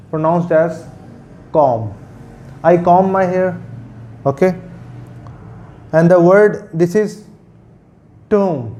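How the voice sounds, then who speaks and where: A man drills words one at a time in a slow, mellow delivery. He pronounces each word several times and explains in Urdu-Hindi, in a slightly raised voice for a man. Faint noise hums behind him. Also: on the high side, dull audio. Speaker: English pronunciation teacher. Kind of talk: pronunciation lesson.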